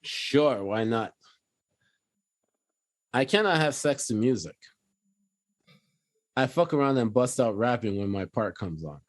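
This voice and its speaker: A man's voice: mid-range voice, unhurried, pauses often. Easygoing man sharing stories with friends. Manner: relaxed storytelling, acts out scenes in put-on voices. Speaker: podcast co-host. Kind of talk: casual chat.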